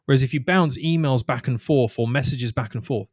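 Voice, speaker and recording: A man's voice: mid-range voice, brisk, darkish tone, dry recording, studio quality. Emphatic man co-hosting a podcast. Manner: emphatic, repeats words and restarts when worked up. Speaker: podcast co-host. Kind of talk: casual podcast chat.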